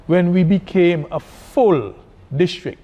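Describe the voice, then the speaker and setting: A man from Saint Kitts with a Kittitian accent, answering as a church leader in an interview, haltingly and deliberately, often repeating words. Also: sits high, lo-fi sound. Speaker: church district superintendent being interviewed.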